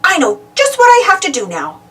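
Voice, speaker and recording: A woman voicing an excitable, self-centred male cartoon duck from a storybook, exclaiming and wondering aloud eagerly. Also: very high-pitched, brisk, far from the mic, a little hiss or hum, voice pushed up, full character voice. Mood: excited realisation.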